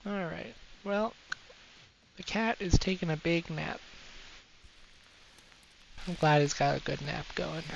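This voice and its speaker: A young man talks through his game session in a loose, playful, rambling way and pokes fun at himself. His voice sits a little higher than most men's. A faint hiss runs under it. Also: creaky, poor audio. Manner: playful, rambling, self-mocking jokes. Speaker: streamer. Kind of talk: casual live gameplay commentary.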